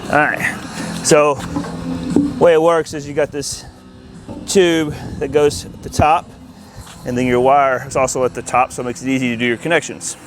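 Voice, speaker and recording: With long pauses and little variation in pitch, a man talks at a moderate pace over music. He hosts an installer's channel and leads a casual hands-on walkthrough in a yard, explaining as he goes. Outdoor noise and ambient rumble are present.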